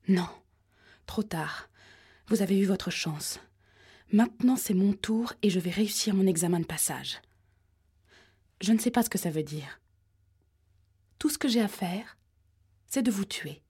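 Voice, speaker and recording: A woman voicing an agitated male caller with a high, metallic voice who whispers threats in an audiobook. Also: unhurried, pauses often, dark tone, husky. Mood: menacing.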